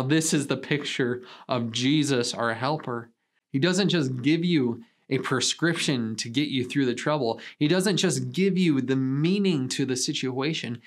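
A man pastor preaching a sermon in an earnest, measured way, with emphatic pauses. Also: mid-range voice.

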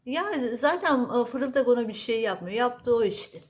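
A woman's voice: a little high, moderate pace. A woman at home chatting casually and cooing baby talk to her cats, her voice swinging up in a sing-song way. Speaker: cat owner vlogger.

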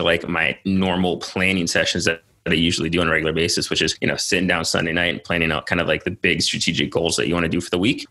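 A man's voice: low-pitched, sharp tone. A man co-hosting a podcast in casual chat, with an informal, slangy way of talking. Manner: informal, slangy, often addressing his co-host as man and dude. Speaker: podcast co-host.

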